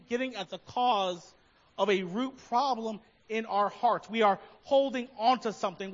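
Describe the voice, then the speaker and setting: A man's voice: very high-pitched, a bit bright, lo-fi sound. A man preaching a sermon as pastor, talking conversationally and asking his listeners many questions.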